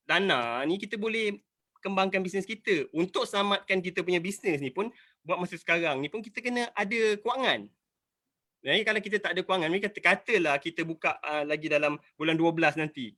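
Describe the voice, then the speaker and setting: A man's voice: sits high, bright, forceful tone. Emphatic Malaysian entrepreneur in his forties. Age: 40s. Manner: emphatic, rambling, repeating himself. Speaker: entrepreneur asking questions. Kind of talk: earnest appeal in an online business talk. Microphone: video call.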